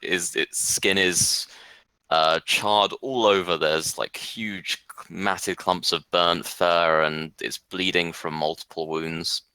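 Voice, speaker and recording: A man running a tabletop game as game master, narrating combat in plain, measured description. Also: deep voice, fairly even intonation, sharp tone, clean tone, no echo.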